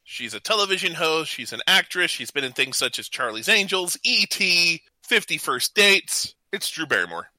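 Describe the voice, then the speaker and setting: A man's voice: a little high, sing-song, normal speed, few pauses, sharp tone, no echo, rough recording. A man hosting a trivia game on a casual talk show, speaking informally and hesitating a little when he ad-libs. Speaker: podcast host running a trivia game.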